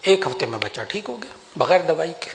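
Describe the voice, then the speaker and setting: Older man, sermon delivery, animated emphasis, long hall reverb, faint background noise. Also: creaky. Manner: animated, rises in pitch for emphasis, slows for Quranic prayers. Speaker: religious scholar giving a talk. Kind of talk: Urdu sermon to an audience. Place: large hall with an audience.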